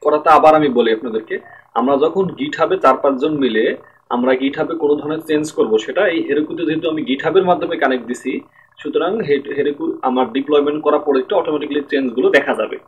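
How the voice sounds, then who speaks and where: A man's voice: fairly high pitch, steady tone, fast talker, husky, lo-fi sound. A man giving a screen-recorded programming tutorial at his computer, explaining step by step and often checking that listeners follow.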